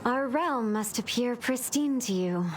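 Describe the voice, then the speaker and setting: An actress voicing an earnest young female angelic aspirant in a video game, speaking formally and solemnly through a too-smooth, android-like processed sheen. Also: fairly high pitch, expressive, measured pace, noisy background.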